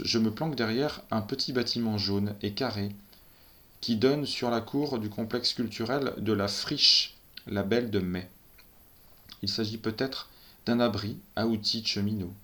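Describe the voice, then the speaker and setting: A man's voice: on the low side, a bit bright. A man reading a first-person story aloud in a tense, breathless storytelling manner. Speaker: narrator.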